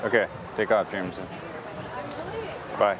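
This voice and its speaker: A man working as a police officer, calmly giving short commands outdoors. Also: on the low side, unhurried, crowd noise, rough recording. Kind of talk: on-duty field talk. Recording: loud street noise outdoors.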